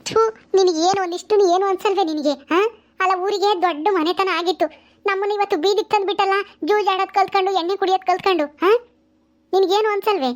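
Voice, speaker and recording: A woman playing a sharp-tongued village mother. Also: high-pitched, fairly even intonation, brisk, muffled recording, lightly acted. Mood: disgusted. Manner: scolding, exclaiming often.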